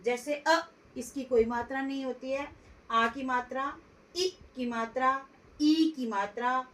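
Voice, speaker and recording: A woman teaching a grammar lesson, slowly and deliberately sounding out letters one by one. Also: high-pitched, a bit bright, recorded from a distance.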